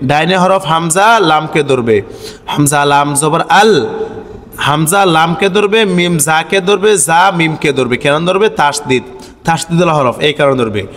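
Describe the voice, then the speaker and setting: A man's voice: fairly high pitch, animated, moderate pace, fairly bright tone, big-room sound. A man teaching Quran reading, chanting each letter-by-letter spelling in a sing-song drawl and then asking and answering his own questions. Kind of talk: spelling-out recitation lesson.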